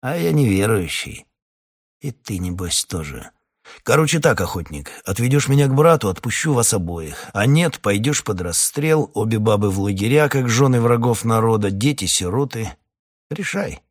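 Menacing secret police captain, read by a man, curt, low, husky. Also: expressive, moderate pace. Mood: curt threatening. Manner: curt, threatening.

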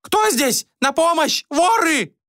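A woman's voice: very high voice, animated, takes it slowly, a bit bright, no room sound, clean studio sound, pitched above the performer's own voice, full character voice. A man voicing a terrified lady-in-waiting who shrieks short cries for help. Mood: panicked.

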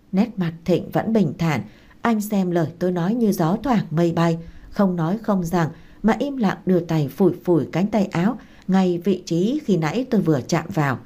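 A woman reading a romance story aloud in a steady first-person narration. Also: fairly low pitch, breathy edge.

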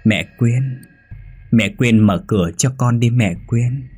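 A man's voice: mid-range voice, takes it slowly, a little mellow, breathy edge, faint music behind, voice pushed up. A man voicing a vengeful, hungry ghost girl in a sing-song, wheedling child voice, reading a horror story. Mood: wheedling eerie.

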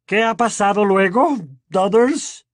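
A man doing a blustering, bullying uncle for a storybook reading, the voice pushed well above his own and slowed down. The forced calm carries a suspicious, indignant edge, recorded close and dry. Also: high-pitched, no echo, pitched above the performer's own voice. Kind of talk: audiobook reading.

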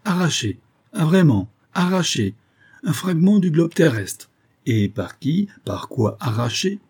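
A man reading aloud voices an irascible elderly professor who snaps commands and questions in a husky, mellow voice. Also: on the high side, lively intonation, measured pace, voice pushed up. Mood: indignant. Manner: imperious, snapping questions. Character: irascible elderly male professor, gruff and demanding.

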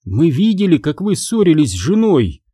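Storybook granny: man playing a resolute, kindly old woman, mellow and dry. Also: on the high side, sing-song, normal speed, slightly rough, dry recording, pitched above the performer's own voice. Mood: earnest. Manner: earnest, pleading.

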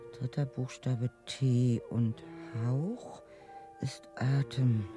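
In a German radio drama recorded in a studio with music underneath, an actress uses a full character voice of extremely low pitch. She plays a weary, stubborn housewife nursing her sick husband, slowly and haltingly reciting chores and puzzle words to herself.

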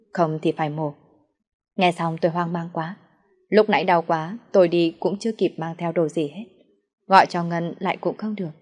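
A woman's voice: fairly low pitch, a little mellow. A woman narrating a first-person story and reading the characters' lines herself.

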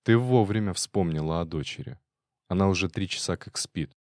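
A man with a deep voice voicing a young, jealous, angry husband in an audiobook, harsh and biting. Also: normal speed, dry recording, clean studio sound, close to an everyday voice. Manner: jealous, shouting through teeth.

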